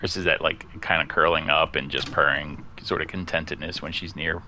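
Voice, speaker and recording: A man giving casual let's-play commentary at home, chatty and quick to laugh, chatting about his cat as he plays. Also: extremely low pitch, fairly even intonation, bright, forceful tone, a little hiss or hum. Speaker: gaming streamer. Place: at home near a couch.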